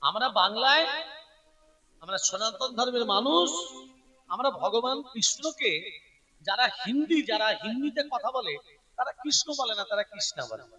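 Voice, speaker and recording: A man preaching a devotional sermon to devotees, explaining slowly and repeating words and spellings so that the listeners follow. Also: very high voice, expressive, pushed and bright, distant mic, poor audio. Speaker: kirtan preacher.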